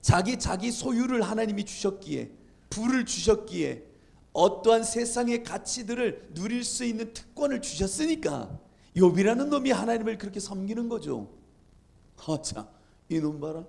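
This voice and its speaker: A man preaching a sermon in a high, heavily gravelly voice. He slows right down on the phrases he wants to land. He keeps throwing rhetorical questions back at the congregation. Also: lively intonation, darkish tone. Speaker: pastor.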